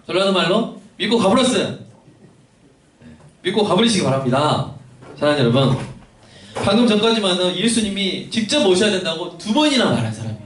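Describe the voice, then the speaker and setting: A male pastor preaching a sermon in a lively way, acting out little conversations for his congregation. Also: high voice. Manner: animated, acts out dialogue. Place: church sanctuary. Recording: echoey church hall, mic at a distance, faint noise.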